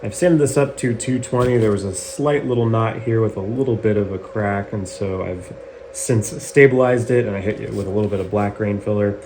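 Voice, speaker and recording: A man's voice: on the low side, a little fast, darkish tone. A man hosting a casual guitar-building tutorial in his garage workshop, chatty and jokey. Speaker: guitar builder and channel host. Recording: echoey garage with faint noise.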